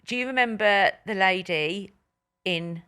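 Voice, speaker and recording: A middle-aged woman co-hosting a podcast with her daughter, reacting with animated interjections. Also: medium pitch, measured pace, clean tone. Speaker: podcast co-host, mother of the other host. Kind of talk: casual chat.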